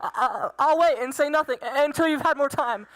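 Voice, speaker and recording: A woman playing a timid, lovesick young gentleman tutor in an amateur period drama, earnest and hesitant with a nervous stammer. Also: high-pitched, a little fast, slight background noise, natural voice, low-quality recording. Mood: hurt, hesitant.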